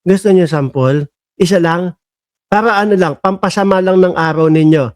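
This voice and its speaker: A man's voice: sits high, normal speed, a little mellow. A man vlogging casual political commentary, mocking and chatty, calling out to his viewers as bosses and countrymen.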